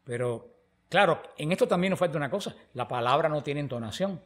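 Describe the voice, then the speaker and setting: Man, preacher, teaching talk, animated storyteller, acts out dialogue, fairly high voice. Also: fairly quick.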